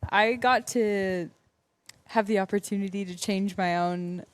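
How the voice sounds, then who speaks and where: A woman of about thirty chats as a guest on a live panel in a middle-pitched voice. She sounds cheerful and playful, and the recording is dry and close. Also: fairly even intonation, unhurried, no room sound. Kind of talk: casual panel chat.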